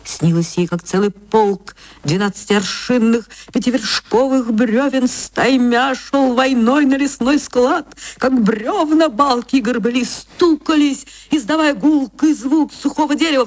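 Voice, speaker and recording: A woman narrates literary fiction like an actress, expressive and theatrical, shifting from hushed phrases to swelling ones. Her voice sits high and her pace is a little slow, in a dry recording.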